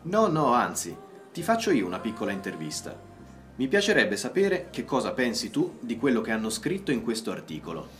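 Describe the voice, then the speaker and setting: A man's voice: mid-range voice, huge pitch swings, brisk, fairly bright tone, soft background music. A man speaking in a scripted dialogue for language learners, often asking questions. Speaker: dialogue partner in a language lesson.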